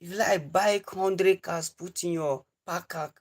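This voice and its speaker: His voice sits high, and he speaks slowly with fairly even intonation. The man, in his twenties with a Nigerian English accent, hosts a livestream and sermonizes to viewers in an earnest, repetitive way.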